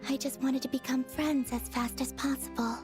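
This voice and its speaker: An actress voicing a gentle, naive young woman in a video game, polite, earnest and matter-of-fact. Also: high-pitched, steady tone, normal speed, natural voice. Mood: innocent, matter-of-fact. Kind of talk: video game character dialogue. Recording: background music under the dialogue.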